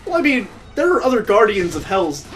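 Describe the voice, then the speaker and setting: A man with a high voice, very animated and brisk, plays a video game for a let's play. He keeps up casual, sarcastic commentary and wry jokes while the game's music plays.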